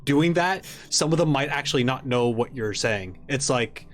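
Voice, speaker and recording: Relaxed American man, casual chat. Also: medium pitch, moderate pace. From Long Island, New York. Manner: relaxed, chuckles often, trails off mid-thought. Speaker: podcast co-host.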